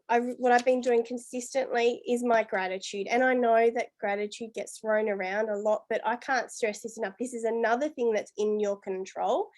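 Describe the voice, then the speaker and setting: A woman's voice: a little high, darkish tone. A woman leading her business team, giving a chatty, upbeat motivational talk full of "you know" and "guys". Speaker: business team leader and coach.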